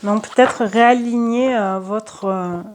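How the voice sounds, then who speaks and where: A woman doing a casual card reading for her viewers, chatty and hesitant, with many fillers and soft asides. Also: medium pitch, fairly even intonation, slow. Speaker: tarot and oracle card reader.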